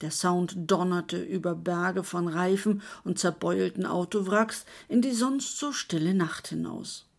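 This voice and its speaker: Woman narrating a story calmly. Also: on the low side, creaky. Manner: measured storytelling. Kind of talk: scripted narration.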